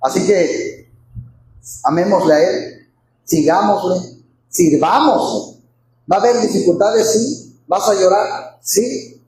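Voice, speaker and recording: A man's voice: high voice, slow pace, long pauses, a little mellow. A man preaching a Sunday sermon, fervent and repeating his phrases, calling his listeners brothers. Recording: very echoey hall, faint background noise.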